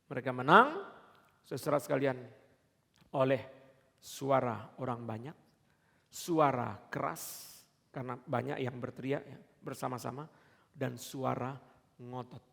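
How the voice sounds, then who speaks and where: A man preaching a sermon as pastor, emphatic, repeating key words and building to shouts. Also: medium pitch, unhurried, creaky, long pauses, slightly rough. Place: church sanctuary. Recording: echoey church hall.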